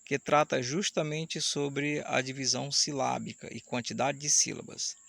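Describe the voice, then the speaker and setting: A man teaches a recorded grammar lesson in a gravelly voice of ordinary pitch. He explains each point methodically, stretching words out syllable by syllable so pupils can follow. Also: steady tone, fairly bright tone, no room sound. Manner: explanatory, slows down to spell out syllables. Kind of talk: online Portuguese grammar lesson. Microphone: camera mic, camera switched off.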